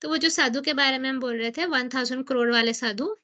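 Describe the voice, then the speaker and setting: A woman's voice: sits high, bright, forceful tone. A woman leading a devotional scripture class who explains in chatty mixed Hindi and English, asking and answering her own questions. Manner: reads English book passages slowly and deliberately.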